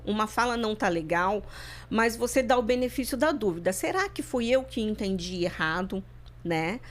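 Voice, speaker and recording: A woman from Brazil speaks as a podcast guest. She talks in a reflective, searching way, repeating and restarting her words as she works through what she means. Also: on the high side. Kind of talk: personal interview talk.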